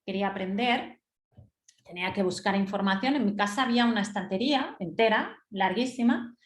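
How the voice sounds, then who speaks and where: A woman's voice: mid-range voice, lively intonation, a little fast. Middle-aged woman teacher, patient webinar explainer, roomy echo on the voice. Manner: didactic, checks in with rhetorical "¿sí?". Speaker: teacher giving a reading webinar.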